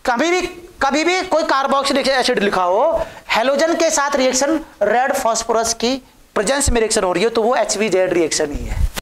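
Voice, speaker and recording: A woman's voice: fairly high pitch, lively intonation, moderate pace, slight background noise. A woman teaching a chemistry class, coaxing her students with questions that she answers herself. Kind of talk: classroom lecture. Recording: echoey room.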